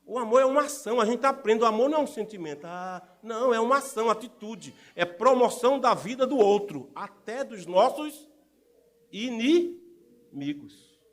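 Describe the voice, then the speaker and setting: A middle-aged man preaching a sermon as pastor, animated and full of rhetorical questions to the congregation. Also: very high voice, normal speed. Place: church.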